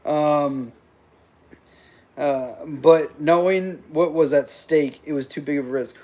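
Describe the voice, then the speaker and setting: A man's voice: a little high, takes it slowly, darkish tone. A man hosting a political reaction livestream, talking sarcastically, laughing often and swearing freely. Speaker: livestream host.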